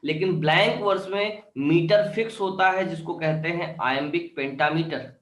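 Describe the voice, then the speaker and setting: A man teaching an online English literature class, explaining step by step and often checking "clear?", with Indian-accented English. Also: high voice, moderate pace, fairly bright tone, reverberant, rough recording.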